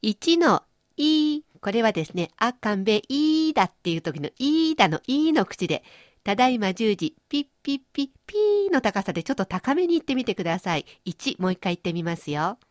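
In a brisk, sing-song manner, a woman with a medium-pitched voice leads a radio-style language lesson. She's the host and teacher, describing pronunciation through playful everyday images. The recording is studio quality, without echo.

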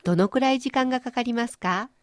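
A woman on the high side of the pitch range talks at a quick pace while hosting a radio-style language lesson. She's a language teacher who illustrates pronunciation with playful everyday images. The studio-quality recording has no echo.

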